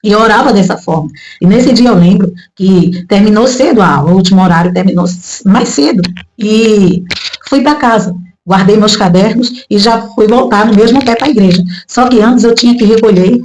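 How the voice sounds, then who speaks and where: A woman in her thirties from Brazil telling a personal religious testimony in casual talk, emotional and rising high when she quotes her own prayers, with frequent tag questions. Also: moderate pace, a little mellow, slight background noise, rough recording. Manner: frequent "né?" tags. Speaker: testimony speaker.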